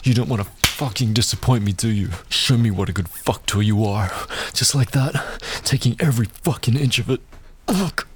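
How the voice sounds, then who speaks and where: Speaking fairly quickly with barely any pauses, this man performs a dominant, taunting adult audio roleplay in a low, intimate way. Heavy breathing and muttered exclamations fall between his lines, and a slight hiss or hum sits under the audio.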